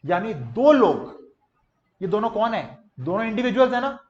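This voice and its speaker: A young male teacher giving a lively classroom lecture to students in a classroom, drilling them playfully in call-and-response with hand gestures. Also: sits high, moderate pace. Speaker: commerce teacher. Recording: muffled classroom recording.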